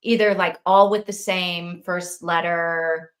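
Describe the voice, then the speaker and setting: A woman's voice: fairly low pitch, steady tone, slow, fairly bright tone. A woman in a casual book club chat, musing and wondering aloud about the story and her own family.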